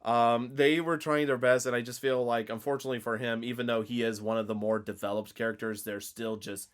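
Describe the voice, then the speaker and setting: A man's voice: mid-range voice, fairly even intonation, brisk, clean tone. A man co-hosting a casual podcast, chatty, laughing often and filling his talk with "like". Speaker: podcast co-host. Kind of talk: casual chat.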